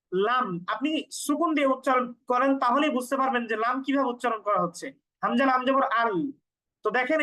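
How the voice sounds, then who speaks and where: A woman teaching Quran pronunciation step by step, patiently explaining and repeating each sound slowly for learners. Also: high-pitched, fairly bright tone, low-quality recording.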